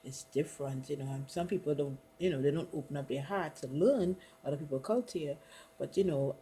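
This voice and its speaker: In a relaxed interview with her partner, a middle-aged Caribbean student interviewer relies on "you know" as filler. She has a deep, warm voice, talks fairly quickly, and there's a bit of background noise.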